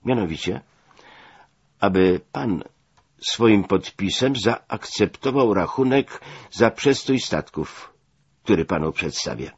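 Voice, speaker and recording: A composed, businesslike army lieutenant walks through his figures as a man reads him. The voice is low and husky, unhurried, and the recording sounds dull. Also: animated, no echo, exaggerated voice. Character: calm, businesslike American lieutenant.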